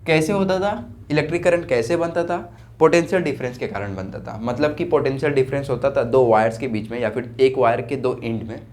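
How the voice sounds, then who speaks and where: A man's voice: medium pitch, brisk, a little mellow. A young man teaching a physics lecture for exam prep, often repeating key words back as questions and mixing English terms into Hindi. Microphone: own mic, checked during lecture.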